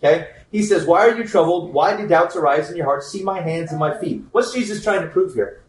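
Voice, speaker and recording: Man, slightly high voice, relaxed joking Bible teacher, recorded off-mic in a roomy hall. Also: a little fast, recorded from a distance, a little hiss or hum. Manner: informal, joking, checks in with frequent "okay?". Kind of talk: conversational Bible teaching to a group. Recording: echoey room, speaker away from the mic.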